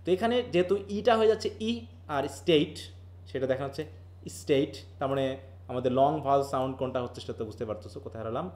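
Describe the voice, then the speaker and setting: A man's voice: mid-range voice, very fast, a little mellow. A man from Bangladesh teaches linguistics in a live online class. He explains patiently, mixes in English terms, and keeps asking his students questions.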